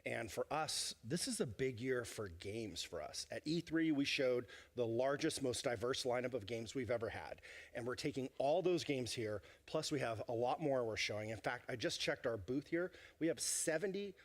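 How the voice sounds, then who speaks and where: A man, a company guest, answering interview questions in a fast, promotional style. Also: medium pitch, animated.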